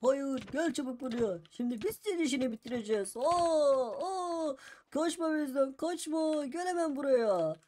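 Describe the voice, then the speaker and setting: A man's voice: very high voice, animated, normal speed, a little mellow. A man voicing a menacing gang of male Titan Spider-Man robots in a game role-play, bossy and taunting. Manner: bossy threats, chasing.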